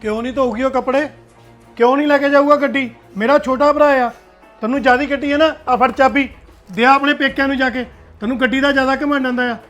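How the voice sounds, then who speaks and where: Man doing a stern punjabi older brother, high voice, talks fast and lectures, music low behind. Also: fairly even intonation, a bit bright. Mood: angry. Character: stern elder brother settling a family quarrel. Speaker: elder brother, head of household.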